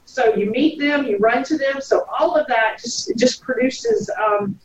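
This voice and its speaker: A woman's voice: high voice, very animated, measured pace, distant mic. Southern woman guest, chatty storyteller, off-mic in a roomy room with dull sound. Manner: chatty, swooping intonation, acts out quotes. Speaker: private investigator, guest. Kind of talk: animated storytelling in conversation.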